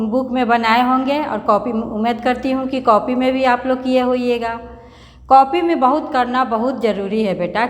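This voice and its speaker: A woman teaching young children a reading lesson, patient and slow, spelling words out and often calling the pupils "beta". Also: on the high side. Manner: patient, repeats words and spells them out slowly; calls the pupils "beta" affectionately. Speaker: primary school teacher. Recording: echoey room, long reverb.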